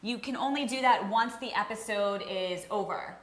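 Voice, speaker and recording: A woman hosting a live web show, promoting an event and reading social media news in a brisk, promotional way. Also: mid-range voice, roomy sound, background noise. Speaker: host.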